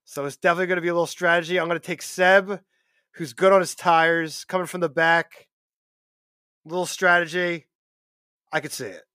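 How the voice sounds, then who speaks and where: High, bright cocky man on a podcast. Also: fairly even intonation, brisk, pauses often, clear, resonant tone, no echo, clean studio sound. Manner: playful, cocky, repeats catchphrases. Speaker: podcast co-host. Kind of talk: casual chat about racing bets.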